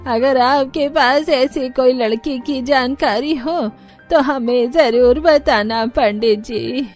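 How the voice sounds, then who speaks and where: A woman voicing a kindly older grandmother in a cartoon, speaking slowly and gently. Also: high-pitched, faint music behind. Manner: slow, gentle and pleading. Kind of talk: cartoon voice acting.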